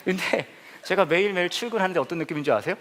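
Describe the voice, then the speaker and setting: A man preaching a humorous sermon as a pastor, telling stories playfully with sudden loud exclamations, in a church hall. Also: high-pitched, expressive, very fast, slight background noise. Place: church hall with a laughing congregation.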